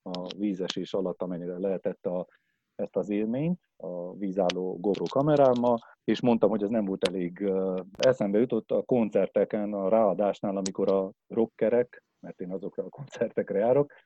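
A man with a lowish, mellow voice recounts a trip in a loose, unhurried way, pausing on filler sounds and breaking off to restart his sentences. The recording is somewhat dull and lo-fi. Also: a little hiss or hum. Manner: hesitant, many filler sounds, halting restarts. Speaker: tour guide. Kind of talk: casual travel storytelling.

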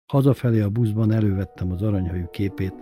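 A man reading a first-person story aloud in a plain, even storytelling manner. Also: on the low side, music in the background. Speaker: narrator.

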